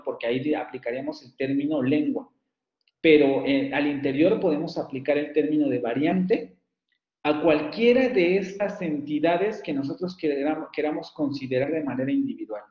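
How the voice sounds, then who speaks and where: A man's voice: a little high, normal speed. A man giving an online university lecture, explaining step by step and often checking that his students follow. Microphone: computer mic on video call. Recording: echoey, dull lo-fi call audio.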